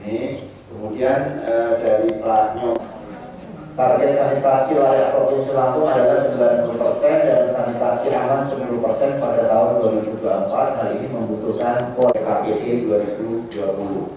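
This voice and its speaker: A man's voice: medium pitch, fairly even intonation, normal speed, mellow, highs cut off. A man moderating a public consultation forum, reading out chat questions with many hesitant fillers. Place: meeting room, heard from a distance. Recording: distant echoey room mic with faint noise.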